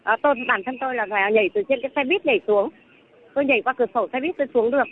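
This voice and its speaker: A woman's voice: high voice, racing. A woman from Vung Tau who is calling in as a protester and telling her story in an agitated, rambling way. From Vung Tau, southern Vietnam. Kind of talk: phone interview. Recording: tinny phone line with faint noise.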